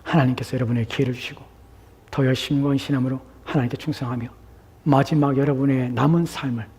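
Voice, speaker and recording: A man preaching a sermon as a pastor, shifting between hushed, near-whispered lines and loud, impassioned cries. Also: mid-range voice, steady tone, fast talker, slightly rough.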